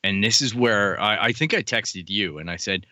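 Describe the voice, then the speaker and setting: A man talks in a low, bright, forceful voice. He chats casually and eagerly, with the odd curse word thrown in, close to a dry mic. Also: normal speed, no echo. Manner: animated, swears casually, fan enthusiasm. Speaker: podcast co-host. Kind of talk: casual chat.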